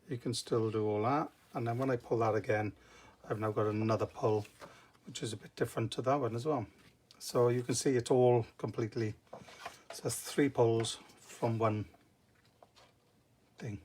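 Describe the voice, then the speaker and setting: A man's voice: medium pitch, darkish tone. Welsh man demonstrating crafts, noisy recording. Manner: informal, step-by-step explaining. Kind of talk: casual live craft tutorial. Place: indoor craft table. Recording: noticeable background noise with clicks.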